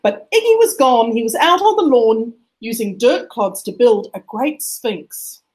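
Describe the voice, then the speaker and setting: A woman with a high voice reads a rhyming children's picture book aloud in an unhurried way. Her storybook delivery is expressive and rhythmic, rising and falling in a lively sing-song.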